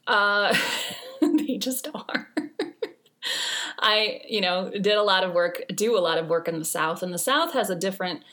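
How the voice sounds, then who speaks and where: A woman's voice: mid-range voice, unhurried, long pauses, pushed and bright. A woman in her forties hosting a podcast, giving casual advice in a chatty way with dry humor and lots of fillers. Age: 40s. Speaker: podcast host.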